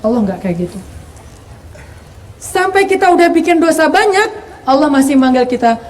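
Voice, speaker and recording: A male preacher giving a casual sermon, telling stories, acting out dialogue and chanting Arabic quotes slowly. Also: extremely high pitch, big pitch swings, a little hiss or hum, rough recording.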